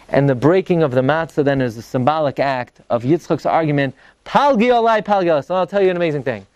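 A male rabbi delivers a Torah lecture in a noticeably high voice, his carrying an inflection. He teaches emphatically, setting up questions and answering them himself, and the sound is dry and close. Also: a little mellow, dry recording. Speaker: rabbi giving a religious class.

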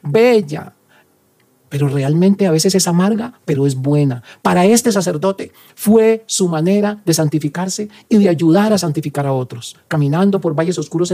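A middle-aged man preaching on a religious radio show, his voice dark and mellow. He leads guided prayer in a fervent, pleading way, slowing down and repeating his phrases. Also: on the high side, breathy edge. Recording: radio studio broadcast.

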